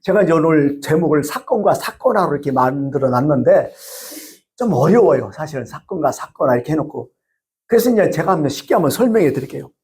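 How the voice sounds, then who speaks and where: A man's voice: a little high, quick pace. A male pastor preaching a sermon, telling stories and asking the congregation rhetorical questions. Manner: lively storytelling with rhetorical questions.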